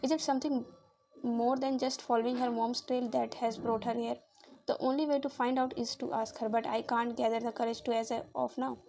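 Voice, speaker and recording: Woman reading a novel in a flat, even tone. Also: fairly high pitch, fairly quick, creaky, a little hiss or hum, low-quality recording. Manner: steady, even read-aloud delivery with small slips and re-reads. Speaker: audiobook reader.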